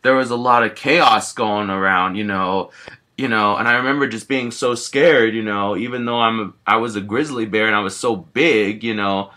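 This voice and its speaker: A big, gentle grizzly bear who scares easily, voiced by a man rambles through a first-person storytime and leans on fillers constantly. His voice sits fairly low but rings bright and forceful. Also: normal speed. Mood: rambling wistful.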